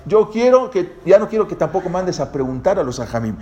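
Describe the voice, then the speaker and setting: A man's voice: high-pitched, sing-song, brisk, dark tone, muffled recording, pitched above the performer's own voice. A man quoting a commanding caliph. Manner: emphatic, raised voice. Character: commanding male caliph giving orders.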